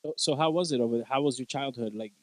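A man in his thirties hosting a casual chat, jokey and quick to put on comic voices, switching at times into Spanish. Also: medium pitch, no echo. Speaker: podcast host.

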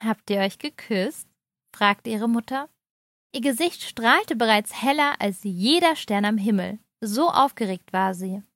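A woman reading a story aloud, giving the characters lively voices of their own. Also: on the high side, unhurried, dry recording. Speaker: narrator.

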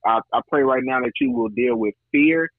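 A man's voice: mid-range voice, moderate pace. Man praying over a thin phone line. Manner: preacherly, insistent, repeating phrases for emphasis. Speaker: podcast guest, entrepreneur praying on air.

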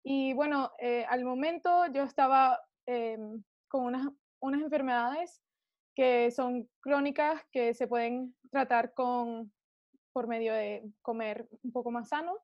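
A woman's voice: fairly high pitch, fairly even intonation, measured pace, no room sound, lo-fi sound. A young woman in a casual interview, more at ease in English, speaking hesitant Spanglish and searching for words. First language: more at ease in English than in Spanish. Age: young adult. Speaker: podcast guest, student of Chinese medicine.

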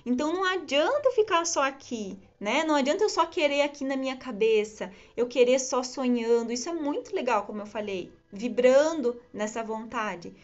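A woman's voice: high voice, animated, moderate pace, few pauses. A woman giving an earnest, reflective spiritual talk, often repeating phrases and ending thoughts with tag questions. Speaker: spiritual teacher. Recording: slightly dull lo-fi sound.

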